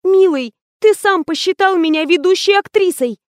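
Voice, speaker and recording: High, distraught young actress pleading loudly, as a woman reads her, dry close sound. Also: animated, moderate pace, dry recording. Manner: high, imploring, breathless pleas. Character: young female actress, clingy, pleading, tearful.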